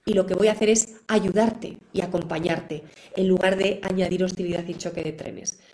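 A woman's voice: on the low side, steady tone, moderate pace, poor audio. A middle-aged woman, teaching parents in a live online class in an encouraging manner. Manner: warm, encouraging, acts out examples. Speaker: parenting educator.

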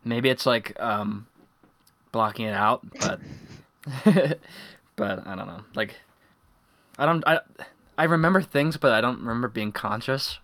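A young man chats on a casual podcast, telling stories in a rambling, laid-back way with constant fillers. His voice sits in a middle pitch, and the recording is dry and close. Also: unhurried, pauses often, sharp tone, no echo. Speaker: podcast co-host. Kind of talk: casual chat.

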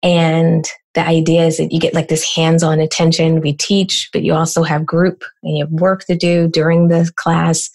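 Low, gravelly-voiced American woman explaining. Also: little pitch movement, a little mellow. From United States. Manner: brisk, explanatory, rhetorical questions. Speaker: business coach guest. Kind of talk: conversational interview answers.

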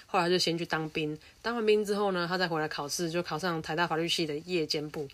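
A woman giving casual, opinionated commentary, animated and sarcastic, with emphatic asides. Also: fairly low pitch, fast talker. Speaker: commentary vlogger.

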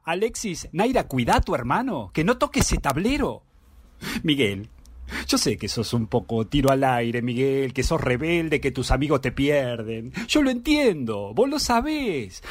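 A man's voice: a little high, breathy edge, no room sound, full character voice. A man voicing a frantic middle-aged wife with an Argentine accent, pleading with and scolding her runaway husband, stammering at times. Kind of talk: dramatic reading of a theatre monologue.

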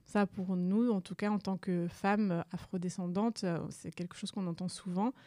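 Young woman museum guest, hesitant with many fillers, warm dark voice, close dry recording. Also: on the low side, steady tone, normal speed, no echo. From Rwanda. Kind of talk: interview answers.

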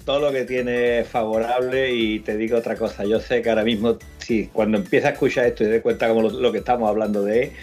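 A man's voice: mid-range voice, fairly even intonation, quick pace, hardly any pauses, darkish tone. A man from southern Spain chats as a podcast co-host, joking and teasing his partner. Faint music plays behind him. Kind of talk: casual chat.

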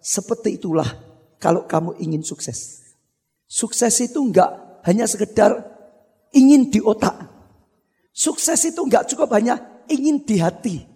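A man voicing a patient, wise older mentor, speaking slowly and low in a husky voice, in a reverberant hall. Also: heavily acted. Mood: solemn. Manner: slow, low and calm.

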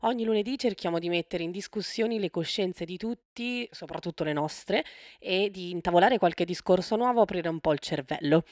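A woman's voice: lowish voice, normal speed, hardly any pauses, a little mellow, no room sound, studio quality. A woman co-hosting a casual podcast in an informal, playful way. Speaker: podcast co-host.

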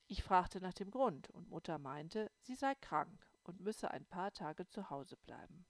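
Brief: calm woman audiobook narrator, lowish voice, dry close recording. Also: measured pace, no room sound. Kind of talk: scripted narration.

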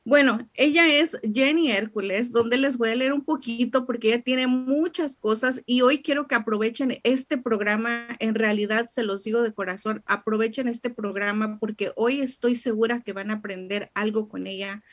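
A woman's voice: a little high, fairly even intonation, normal speed, few pauses. A woman hosting a podcast interview, giving effusive, heartfelt introductions to her guest. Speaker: podcast host.

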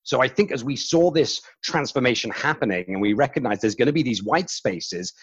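A man's voice: mid-range voice, animated, brisk, slightly rough, dry recording. Man in a dry, lo-fi recording. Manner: casual, self-deprecating, with fillers and restarts. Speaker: podcast guest, company chief executive. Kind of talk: conversational interview answers.

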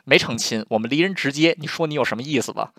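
A man's voice: mid-range voice, fast, sharp tone, no echo, studio quality. A man voicing a fierce, blunt young chief's daughter in a told history story, speaking fearlessly and matter-of-fact.

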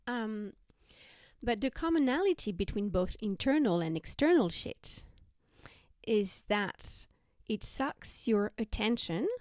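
A woman hosting a self-help podcast, talking conversationally in a measured, explanatory way. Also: medium pitch, darkish tone, no room sound, clean studio sound. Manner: measured, explanatory, listing examples. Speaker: podcast host.

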